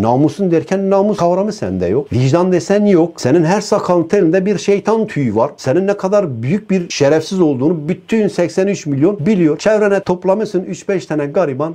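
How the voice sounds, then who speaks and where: A man's voice: on the high side, dark tone. A man giving an angry online rant as a political commentator, hurling repeated insults in a furious tirade.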